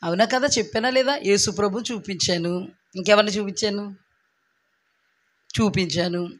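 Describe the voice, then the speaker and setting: A man's voice: high-pitched, moderate pace, a bit bright. A male pastor preaching a sermon, firing rhetorical questions at the congregation and repeating phrases for emphasis.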